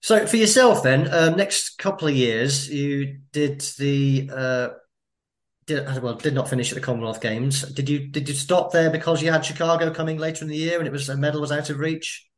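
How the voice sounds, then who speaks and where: A man's voice: a little high, moderate pace. Man asking interview questions. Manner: brief backchannel replies, quiet. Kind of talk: interview, conversational.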